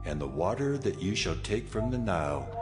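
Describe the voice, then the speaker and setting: An actor playing a solemn, commanding, almighty God in a dramatized scripture audio production, declaiming with authority through a cavernous reverb. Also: male voice, low voice, sing-song, normal speed. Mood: solemn, instructing. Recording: long reverb over loud music.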